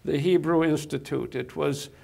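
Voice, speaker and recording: On a TV studio set, an older Polish-born man whose first language is Yiddish reminisces with an interviewer through a lapel mic. His voice is a little high and mellow with vocal fry, his intonation fairly even, his pace moderate, and he hesitates often, restarting and using lots of fillers.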